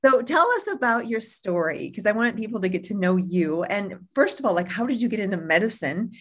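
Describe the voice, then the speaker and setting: A woman's voice: medium pitch, lively intonation, a little fast. Enthusiastic woman podcast host. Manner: warm, admiring, enthusiastic. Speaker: podcast host, family physician. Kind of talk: podcast interview.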